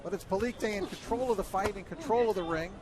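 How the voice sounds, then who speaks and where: A man's voice: high voice, quick pace. A man calling a boxing match as a live play-by-play commentator at ringside. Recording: noisy arena, loud crowd behind.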